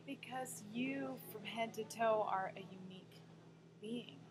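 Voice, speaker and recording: A young woman from the United States, a pageant coach, talking lively and expressively as a guest at a restaurant table. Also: fairly high pitch, unhurried, over loud music, rough recording. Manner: lively, expressive, laughs often. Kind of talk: casual interview chat. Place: restaurant dining room, indoors.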